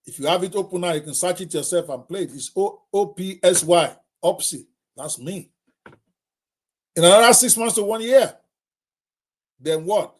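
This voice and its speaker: His voice is high and his pace normal, with frequent pauses. He is a middle-aged Nigerian live-talk host who speaks emphatically, turns directly to viewers, and tends to repeat himself.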